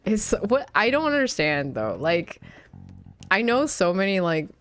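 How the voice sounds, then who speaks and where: A young Canadian woman rambles casually while gaming on stream, full of fillers and restarts and laughing often. She speaks a little slowly in a medium pitch with big swings, while faint music plays in the background.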